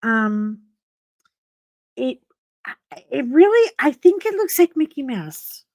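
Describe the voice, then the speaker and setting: A middle-aged woman hosts a casual live stream, chatting and telling a story in a sing-song, slightly froggy voice that swoops widely on her greetings. She speaks slowly with a darkish tone, and the sound is clean studio quality with no room sound.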